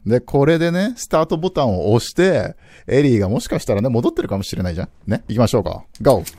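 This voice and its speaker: A man's voice: medium pitch, sing-song, fast talker. Jumpy man playing a horror game. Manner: jumpy, swings from mutters to yelps. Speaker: game streamer. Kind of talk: excited let's-play commentary. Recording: game music loud behind voice. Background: game sounds and music.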